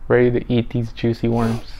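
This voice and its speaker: A man co-hosting a podcast with his partner, talking in a rambling, halting, joking way. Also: mid-range voice, completely flat delivery, mellow. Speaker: podcast co-host. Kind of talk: casual couple chat.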